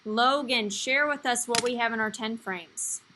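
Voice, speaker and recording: A woman's voice: on the high side, unhurried, very noisy. A young woman teaching young children on a video call, in an encouraging, simple kids-show-host manner with sing-out counting. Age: young adult. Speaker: primary school teacher. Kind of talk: live online lesson for young children. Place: small indoor room, video call. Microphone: computer mic on a video call.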